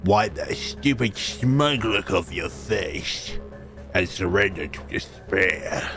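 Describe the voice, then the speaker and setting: A deep, creaky voice for a sadistic video game killer, acted out by a man. He taunts his prey slowly, with theatrical villain menace. Music plays clearly behind him. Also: lively intonation, a bit bright, heavily acted. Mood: taunting menace. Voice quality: gravelly.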